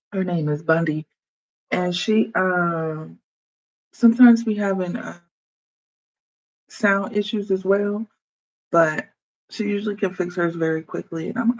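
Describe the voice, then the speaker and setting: With a medium pitch, the voice comes through dull audio with a little hiss or hum. A livestreamer sits at an indoor computer wearing headphones, chatting casually and directly with viewers and thinking aloud while playing with audio settings on a computer microphone.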